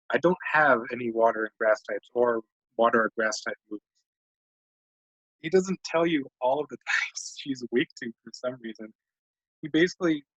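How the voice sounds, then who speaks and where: A man's voice: medium pitch, fairly bright tone, dry recording. Man, casual gameplay commentary, rambling and self-mocking, dry dead sound. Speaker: let's play commentator. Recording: dull lo-fi dry mic.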